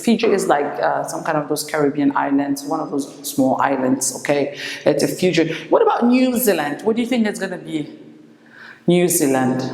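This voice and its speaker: A woman teacher giving an English lesson, slowly repeating each word for her pupils. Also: low-pitched, a little mellow. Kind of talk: classroom lesson. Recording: echoey room with long reverb.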